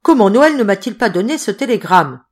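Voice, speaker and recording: A woman's voice: medium pitch, lively intonation, fairly quick, natural voice. A woman reading an audiobook, voicing a curt, irritable older man who speaks brusquely.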